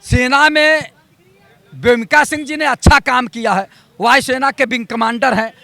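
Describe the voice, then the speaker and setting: A man's voice: very high-pitched, normal speed, sharp tone, dry recording. A man on a debate panel explaining and defending a statement.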